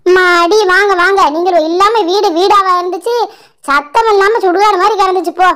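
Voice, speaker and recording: A woman plays a bossy village grandmother in a doll show, complaining and scolding nonstop. The voice sits very high and shrill. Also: moderate pace, fairly bright tone.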